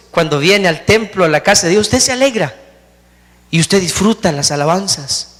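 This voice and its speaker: A man's voice: sits high, fairly bright tone, long reverb tail. A man preaching a sermon as pastor, speaking emphatically and putting rhetorical questions to his congregation in a church.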